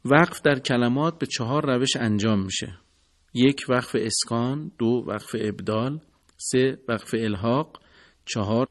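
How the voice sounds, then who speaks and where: A man teaching Quran recitation in a scripted radio lesson, formal and courteous, explaining step by step. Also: medium pitch.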